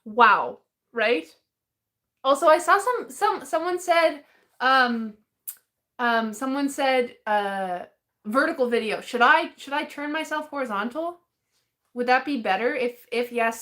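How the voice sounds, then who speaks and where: A woman's voice: on the high side, bright, forceful tone. A woman chatting casually on a live stream as she opens fan mail, rambling and hesitant with many restarts and small laughs.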